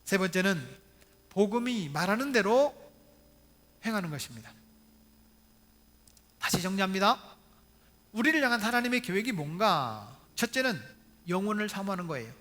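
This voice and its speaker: Man, pastor, high-pitched voice, church sermon, questions to the congregation, storytelling. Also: expressive, moderate pace, long pauses, a bit bright. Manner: preaches with questions to the congregation and humorous asides; retells stories with acted quotes. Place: church, Sunday service video.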